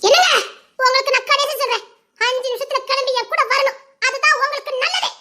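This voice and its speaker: A woman with a Tirunelveli accent acting quarrelsome scenes in a family drama, talking loudly with quick retorts. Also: very high-pitched. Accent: Tirunelveli Tamil. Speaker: performer of a family comedy drama.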